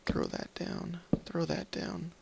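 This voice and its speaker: Huge pitch swings mark this slow, slightly high, darkish voice with vocal fry and a slightly rough, scratchy, tired edge. He hosts a gaming series, offering casual, rambling, apologetic Minecraft let's play commentary while thinking out loud.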